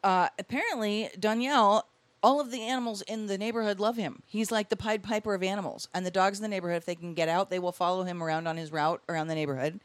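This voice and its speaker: A woman co-hosts a chatty podcast, telling strange news stories with lively reactions. Her voice sits in a middle range. The sound is close and dry, with no room echo. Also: medium pitch, quick pace. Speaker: co-host reading news stories. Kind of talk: casual podcast chat.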